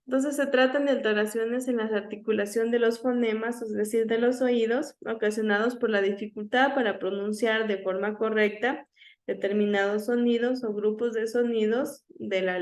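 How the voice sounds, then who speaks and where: A woman teaching an online class, lecturing and checking in often with her students, sometimes slowly sounding out speech sounds to demonstrate them. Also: fairly high pitch. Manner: checks in with frequent "¿ya?".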